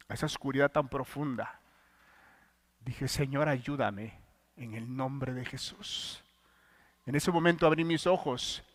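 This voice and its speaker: A middle-aged man with a Mexican Spanish accent preaching a sermon, moving between loud pleading and hushed, intimate testimony. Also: fairly high pitch.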